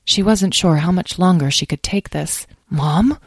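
A woman narrating a children's story in a calm, measured way. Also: lowish voice, no room sound, clean studio sound.

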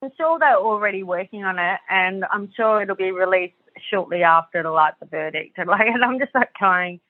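A woman's voice: medium pitch, moderate pace. An Australian woman, a guest author, chatting casually, rambling with lots of fillers and swearing. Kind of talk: casual podcast chat. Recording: dry tinny phone line.

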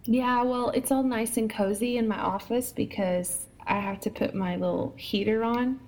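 Playful woman co-host with a raised pitch. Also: fairly even intonation, moderate pace, a little mellow. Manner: playful, laughs easily. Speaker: podcast co-host. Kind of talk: casual chat.

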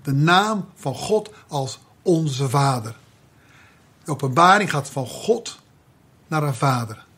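A man preaching a sermon, building to loud emphatic declarations. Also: on the high side, lively intonation, slow pace, husky.

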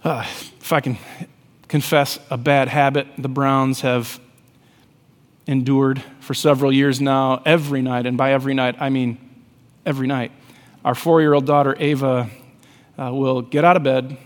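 A man in his thirties preaching a sermon as pastor, swinging between hushed softness and loud emphasis. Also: medium pitch, flat delivery, moderate pace. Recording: long reverb of a large hall.

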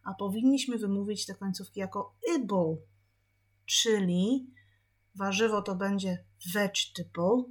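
A woman teaching English pronunciation in a podcast lesson, patiently repeating each word slowly for practice. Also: mid-range voice.

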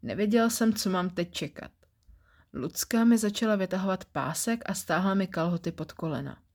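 A woman reading a first-person short story aloud for a podcast in a calm, even storytelling manner. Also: fairly low pitch.

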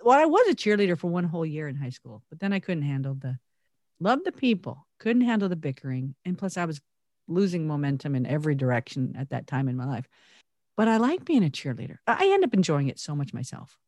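A woman's voice: deep voice, big pitch swings, fast, darkish tone, no room sound, studio quality. A woman co-hosting a casual faith-based chat, earnest and intense, laughing often as she talks. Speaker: podcast co-host.

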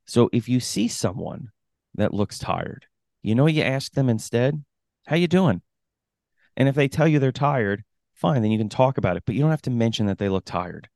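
A man's voice: medium pitch, animated, brisk, creaky, darkish tone, no echo, studio quality. A man co-hosting a casual podcast as a running coach, talking emphatically and often laughing as he makes his points. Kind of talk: casual chat.

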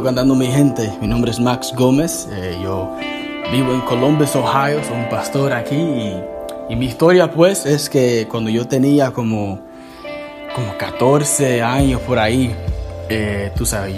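A man's voice: medium pitch, unhurried, over music. Casual man telling his testimony. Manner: casual, fillers like "tú sabes", mixes in English. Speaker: pastor. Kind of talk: personal testimony.

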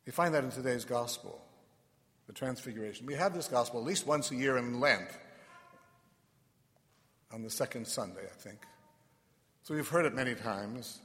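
A male priest reading the gospel and giving a measured, reflective homily, heard with a long church echo. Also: mid-range voice. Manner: measured and reflective, with soft trailing asides. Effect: long cathedral-like church echo. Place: large church. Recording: echoey church hall reverb.

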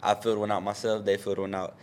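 A man's voice: fairly low pitch, little pitch movement, racing, darkish tone, a little hiss or hum. A young adult man who works as a teacher, giving earnest, plain-spoken advice in casual chat.

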